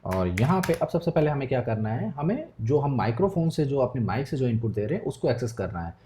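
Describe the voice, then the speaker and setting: A man walking through a screen-recorded coding tutorial, patient and step by step, checking in with viewers often. His voice is mellow and dark. Faint keyboard typing sits behind him. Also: medium pitch, sing-song, fast talker, a little hiss or hum. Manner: patient step-by-step explaining, frequent check-ins.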